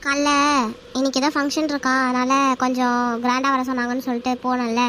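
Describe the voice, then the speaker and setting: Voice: high-pitched, level tone, quick pace, fairly bright tone, slight background noise. A performer voicing a young woman office worker in a cartoon, whiny and sobbing, who keeps saying she is fine. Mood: tearful. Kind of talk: Tamil slang chat, cartoon voice acting.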